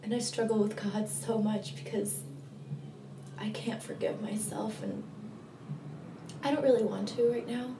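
Woman acting a remorseful young female recovering addict, halting confessional monologue, roomy echo, noisy background. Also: a little high, steady tone, natural voice. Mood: anguished, guilty. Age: young adult. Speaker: actor performing a monologue. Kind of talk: dramatic monologue, naturalistic acting. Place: small plain room indoors. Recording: echoey, noisy room, distant mic.

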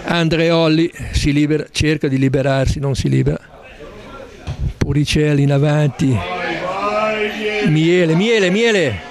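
A man's voice: a little high, little pitch movement, vocal fry. A man doing live football commentary, the kind that erupts at goals. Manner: erupts into drawn-out shouts at goals. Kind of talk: live Italian-style football goal commentary. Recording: crowd noise around the commentary. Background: match crowd.

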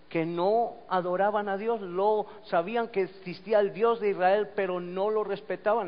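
A pastor with a high voice preaches a sermon, moving between storytelling and forceful scripture reading. The recording is dull and lo-fi, with a long echo from the church hall. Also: male voice. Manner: storytelling, swelling to emphatic reading.

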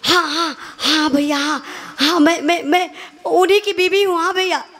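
A woman's voice: very high-pitched, fairly even intonation, normal speed, a bit bright. A woman voicing a desperate young widowed mother who pleads in stammering repetitions. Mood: flustered.

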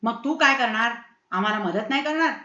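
A woman's voice: fairly high pitch, animated, a little fast, sharp tone, reverberant, lo-fi sound. A woman voicing a stubborn, grumbling middle-aged father in a read-aloud story. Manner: grumbling, irritable.

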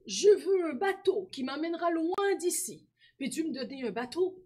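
A woman's voice: sits high, lively intonation, normal speed, darkish tone, voice pushed up. Woman playing a weary, plaintive aging man. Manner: tired, plaintive. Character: weary aging man who once was a boy. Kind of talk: storybook read-aloud.

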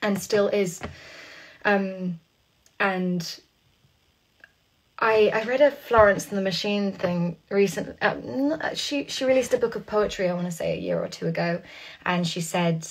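A woman's voice: medium pitch, lively intonation, a little slow. A young English woman chatting on a phone livestream from her room, rambling, laughing often and reading viewer questions aloud. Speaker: singer hosting a live stream. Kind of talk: casual chat.

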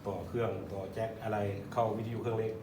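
A man's voice: on the low side, level tone, fast. A man from Thailand, a police radio officer, giving a polite step-by-step how-to demonstration. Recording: roomy, distant mic, clearly noisy background.

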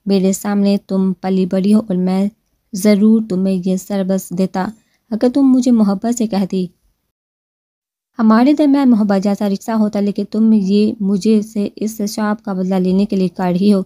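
A woman voicing a stern, possessive young husband who speaks in a serious, measured way, read in a storybook. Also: medium pitch, fairly even intonation, dark tone, no echo, clean studio sound, close to an everyday voice.

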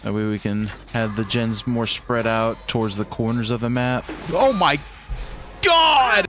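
A young man commentating his own live game stream, excitable, swinging between low mumbles and sudden yells. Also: moderate pace, faint music behind. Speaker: gaming streamer.

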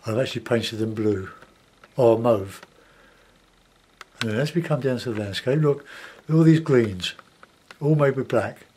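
A man in his sixties with a South London accent, giving an unhurried, casual commentary as he demonstrates painting, pausing and half talking to himself. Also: mid-range voice, warm tone, a little hiss or hum. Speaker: painting tutor. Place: small cluttered home studio, indoors.

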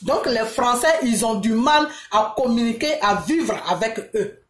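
Woman, Ivorian French accent, impassioned monologue, fairly high voice, roomy echo. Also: animated, measured pace. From Côte d'Ivoire. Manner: emphatic, repeats rhetorical questions. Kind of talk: impassioned monologue addressing viewers. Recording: echoey room.

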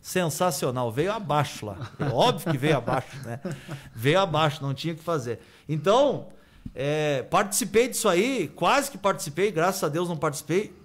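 A man from Rio do Sul, telling an animated story on a radio sports show and tagging his sentences with "né?". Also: fairly high pitch, moderate pace. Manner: animated anecdote-telling with frequent "né?" tags. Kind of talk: casual studio storytelling. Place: radio studio.

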